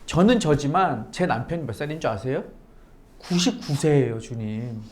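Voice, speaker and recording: A woman's voice: very deep voice, expressive, moderate pace, a little mellow, voice pushed down. A woman preacher voicing Sarah as a weary, exasperated very old woman pleading with God in a sermon. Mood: weary complaint. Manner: tired, plaintive complaining. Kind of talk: sermon with acted quotes.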